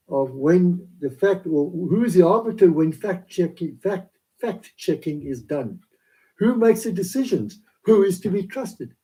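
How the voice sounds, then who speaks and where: His voice is on the high side and warm, caught on a low-quality recording. He's a South African man, Afrikaans his mother tongue, who rambles through a halting devotional talk, heavy with fillers, into a laptop camera in his small home office.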